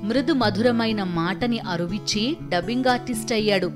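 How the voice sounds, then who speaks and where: A woman giving a formal, scripted documentary narration. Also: a little high. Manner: measured, formal storytelling delivery. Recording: narration over loud background music.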